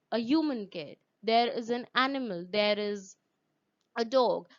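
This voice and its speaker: A woman's voice: fairly high pitch, lo-fi sound. A woman teacher, explaining a story to her class, repeating words for stress and asking the class questions.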